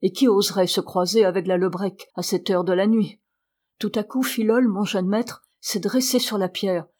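A woman's voice: mid-range voice, steady tone, moderate pace, a little mellow, lightly acted. Woman reading as a scared shaky old servant man, quavery, storybook. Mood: frightened. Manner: trembling, quavering. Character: frightened feverish old male servant.

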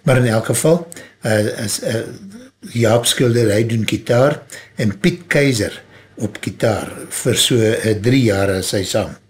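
A man's voice: fairly low pitch, unhurried. South African male DJ, Afrikaans native, easygoing and rambling. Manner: relaxed, rambling, hesitant. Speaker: radio DJ. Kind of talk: radio presenting.

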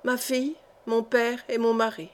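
A woman reading the part of a sorrowful, reserved young noblewoman, quiet and guarded, in an audiobook. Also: on the high side, little pitch movement, normal speed, close to an everyday voice. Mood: subdued.

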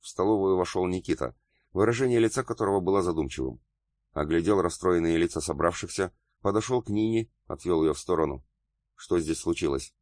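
A man narrates a novel in a measured, storytelling way. His voice is very deep and the recording is dry and close, with no room sound. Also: animated, darkish tone, no echo. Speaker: audiobook narrator. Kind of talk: scripted narration.

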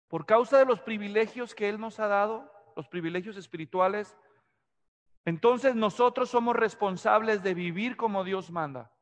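High-voiced man preaching in a reverberant hall. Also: a bit bright. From Mexico. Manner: conversational preaching with questions to the congregation. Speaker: pastor. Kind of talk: expository sermon.

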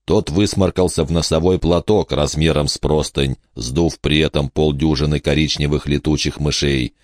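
A man narrating an audiobook in an even, measured storytelling manner. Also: very deep voice, dry recording, clean studio sound. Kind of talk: scripted narration.

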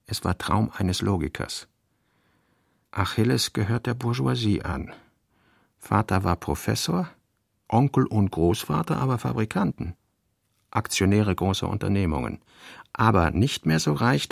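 In a literary radio play, a male actor voices a brooding novelist narrator, reciting narration and fragmentary notes in a measured, deliberate way. His voice sits on the low side, gravelly and husky, in a full character performance. The recording is dry and clean, studio quality.

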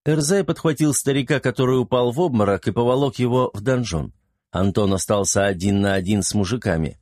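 A man narrating a fantasy audiobook in a brisk, vivid storytelling manner. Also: mid-range voice, darkish tone, dry recording, studio quality.

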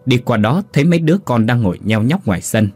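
A man narrating a first-person ghost story in a scripted, expressive reading. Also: medium pitch, fast, slightly rough, no echo.

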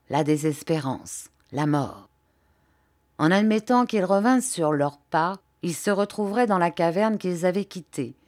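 A woman narrating an audiobook in a measured, expressive way. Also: lowish voice, no echo, studio quality.

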